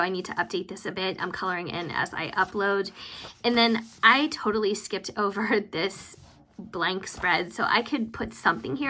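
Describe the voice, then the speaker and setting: A woman vlogger giving casual, rambling, self-deprecating commentary as she works, with vocal fry at the ends of her phrases. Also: medium pitch, bright, forceful tone, slight background noise. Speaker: planner vlogger hosting budget updates. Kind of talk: casual chatty voice-over commentary while working.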